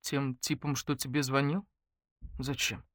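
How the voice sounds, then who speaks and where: A woman voicing a calm, guarded young man in an audiobook, who speaks evenly with a lightly ironic, evasive manner. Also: very deep voice, unhurried, dry recording, studio quality, pitched below the performer's own voice. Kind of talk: audiobook character voice.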